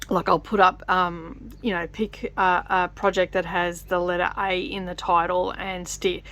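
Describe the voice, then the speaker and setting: A woman's voice: lowish voice, pushed and bright. A woman hosting a chatty craft vlog, talking loosely with many fillers and restarts while she stitches and stops to count. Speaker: vlogger. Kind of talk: casual chat while stitching.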